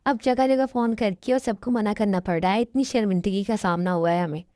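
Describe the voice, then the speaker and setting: A woman's voice: mid-range voice, brisk, warm tone, no room sound, clean studio sound, close to an everyday voice. A woman voicing a stern, angry middle-aged mother who scolds sharply in a fan dub. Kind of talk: fan dub dialogue acting.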